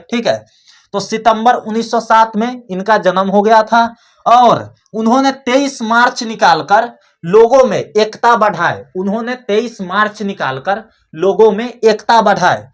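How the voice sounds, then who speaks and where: A man's voice: high voice, a bit bright. Guy teaching exam tricks, chatty, keeps repeating stuff, coaxing tone. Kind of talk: exam-prep lesson with memory tricks.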